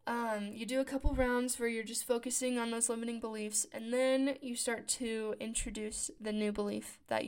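Speaking in a fairly high, clean-toned voice, this woman in her late twenties hosts a podcast and talks casually about her daily routines. Her voice is still scratchy from waking up, and she laughs often while correcting herself.

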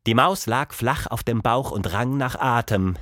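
A man narrating a children's audiobook with expressive storytelling. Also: medium pitch, measured pace, dry recording, clean studio sound.

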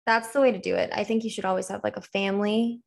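A woman in her twenties in casual chat, chiming in with quick, upbeat reactions. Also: medium pitch, steady tone, gravelly.

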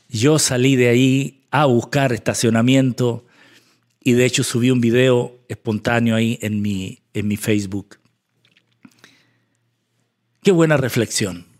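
A man preaching a storytelling sermon, emphatic, swinging between loud exclamations and soft asides. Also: mid-range voice, a little slow, pauses often.

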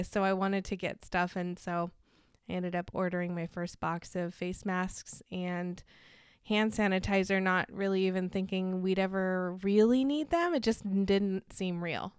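A woman's voice: medium pitch, clean tone, no room sound, studio quality. A woman telling stories in a casual podcast interview, rambling a little and laughing often. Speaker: podcast guest and co-host.

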